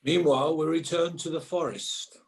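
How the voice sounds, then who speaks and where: A man as a declaiming, higher-voiced panto narrator. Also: fairly even intonation, moderate pace, close to an everyday voice. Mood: grand announcing. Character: pantomime narrator announcing characters grandly.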